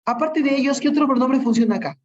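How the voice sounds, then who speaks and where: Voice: sits high, fast. Patient Peruvian teacher, muffled audio. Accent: Peruvian Spanish. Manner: patient, repeats examples, tag questions. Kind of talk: online class lesson.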